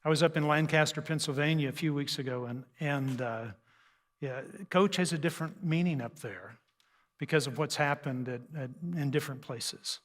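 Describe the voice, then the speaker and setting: In a large church hall, an older man in his 60s or beyond jokes his way through a folksy, conversational seminar on family life, teasing himself along the way. He's a radio host and speaker on raising teens. His voice is a little high and a bit bright at normal speed, and the live hall gives long reverb.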